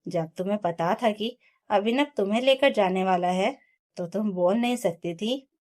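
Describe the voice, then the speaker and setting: A woman's voice: medium pitch, moderate pace, darkish tone, lightly acted. A woman voicing a stern mother-in-law who scolds sharply in a family storybook reading. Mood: scolding.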